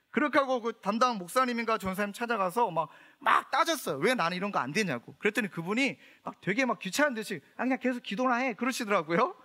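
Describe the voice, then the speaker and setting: Bright, high-voiced lively man preaching. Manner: humorous storytelling, asks the congregation questions. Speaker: pastor. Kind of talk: sermon.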